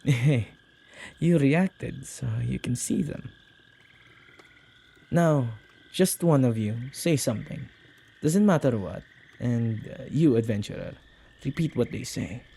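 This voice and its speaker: This ASMR roleplay features a man as a ghost-befriending witch, excitable yet caring, talking intimately to the listener in a gravelly, husky voice. Here his mid-range delivery is slow and heavily acted, with a curious, careful mood.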